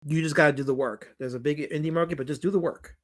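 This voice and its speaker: Talking fast in a fairly high voice with fairly even intonation, a man with a New York accent answers viewers' questions on a livestream. He's a documentary director reading comments in a casual chat, and he rambles emphatically, restarting and repeating himself often.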